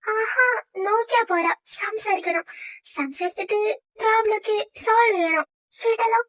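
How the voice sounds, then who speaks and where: A woman's voice: very high-pitched, normal speed, a bit bright, rough recording. A woman voicing a cheerful female friend who coaxes and teases the heroine. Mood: coaxing. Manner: coaxing, bossy.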